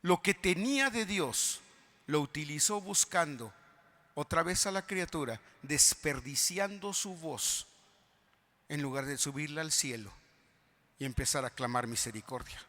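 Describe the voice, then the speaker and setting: A man preaching a fervent sermon as pastor, swinging from quiet appeals to loud shouted cries. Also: on the high side, animated, unhurried. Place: large convention hall. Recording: long hall reverb.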